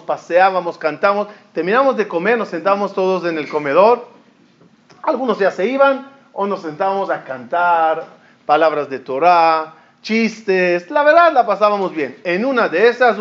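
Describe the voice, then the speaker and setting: Man, high voice, storytelling sermon, acts out quotes, dull lo-fi sound. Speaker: rabbi. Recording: dull lo-fi recording.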